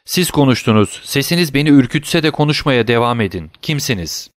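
Brief: male reader as a pleading young sailor prisoner, dry close audiobook sound, mid-pitched. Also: lively intonation, brisk, dry recording, natural voice. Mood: earnest. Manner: imploring, raised exclamations.

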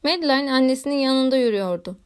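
High-pitched woman narrating a novel. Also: clear, resonant tone. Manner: measured, literary reading. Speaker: audiobook narrator. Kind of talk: scripted narration.

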